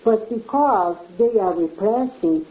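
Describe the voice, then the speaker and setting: A woman's voice: medium pitch, lively intonation, slow pace. A woman talks over a casual chat in an echoey room. She explains earnestly and circles back with repeated phrases. The sound is dull and lo-fi. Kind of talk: casual conversation.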